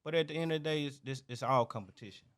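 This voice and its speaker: Label-founder guest, man, bright edge, blunt and repetitive. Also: medium pitch, rapid-fire. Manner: blunt street slang, repeats himself. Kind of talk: casual interview talk.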